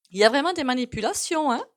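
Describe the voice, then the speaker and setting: A woman with a regional French accent giving a casual, rambling tarot reading, full of hesitations and asides. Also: high-pitched. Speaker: tarot card reader.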